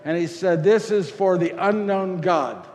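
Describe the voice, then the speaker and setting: A man's voice: high-pitched, a little slow, darkish tone. A man playing Saint Luke, talking in a hall. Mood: earnest. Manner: rambling, repeats phrases, answers questions in character. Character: Saint Luke, Greek physician, earnest older man. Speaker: costumed presenter. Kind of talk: first-person character talk with audience. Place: parish hall before an audience. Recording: echoey hall, faint noise.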